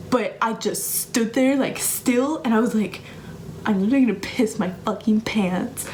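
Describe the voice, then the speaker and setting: A young woman vlogger telling a casual storytime with fast, breathless, swear-laden delivery. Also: medium pitch, darkish tone.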